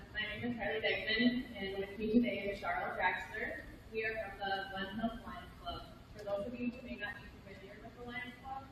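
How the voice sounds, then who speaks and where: A club representative presenting scholarships in a prepared, formal podium speech. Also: medium pitch. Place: large indoor hall at an awards banquet. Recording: very echoey hall, distant, noisy.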